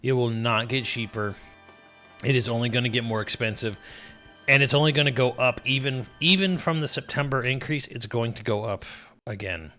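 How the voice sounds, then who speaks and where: A man's voice: medium pitch, brisk, pushed and bright, soft background music. A man streaming live, talking in a rambling, profane and sardonic way, restarting sentences often. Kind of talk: casual livestream commentary.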